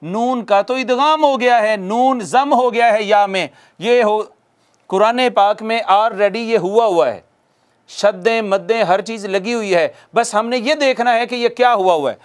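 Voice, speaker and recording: A high-pitched man teaches a classroom lesson on tajweed, the rules of Quran recitation, addressing listeners formally. He works through each rule step by step, poses questions and answers them himself, and repeats Arabic examples slowly, drawing them out.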